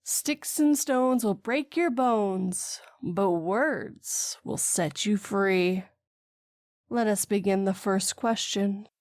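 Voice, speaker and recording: A woman voicing a vengeful grieving mother who speaks calmly and mockingly in a horror story. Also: on the high side, no room sound, clean studio sound. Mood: coldly menacing. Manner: slow, calm and mocking.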